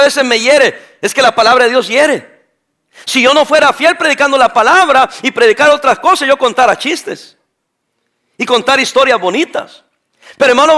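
A man's voice: extremely high pitch, pushed and bright. A middle-aged man preaching a sermon as pastor, emphatic and full of rhetorical questions to his congregation.

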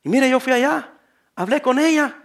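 An older man, a pastor, preaching a sermon, moving from quiet talk to shouting. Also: very high voice, normal speed. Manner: animated preaching, swings from soft to shouting.

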